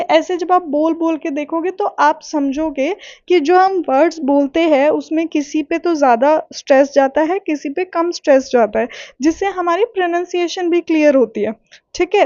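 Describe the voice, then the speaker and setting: A woman teaching literary terms in a patient, explaining way, repeating checks like "okay" and reading definitions slowly. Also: high voice, a little mellow, no room sound, dull audio. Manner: patient, repeats points with "ठीक है" and "okay"; reads English definitions slowly. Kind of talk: explaining lesson in Hindi-English mix.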